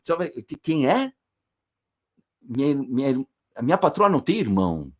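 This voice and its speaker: A man's voice: medium pitch, big pitch swings, unhurried, voice pushed up. A man voicing a young maid who curtly brushes off a stranger at the door. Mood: dismissive. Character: curt dismissive young maid.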